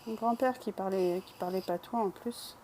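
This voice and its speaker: A woman from Bresse in eastern France chats casually with her live-stream viewers while painting, talkative and self-deprecating. Her medium-pitched voice is mellow and moderately paced, with slight background noise.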